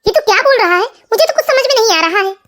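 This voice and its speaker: Woman playing a shrill scolding mother-in-law, very high pitched, cartoon story. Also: lively intonation, quick pace, fairly bright tone. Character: bossy scolding middle-aged mother-in-law.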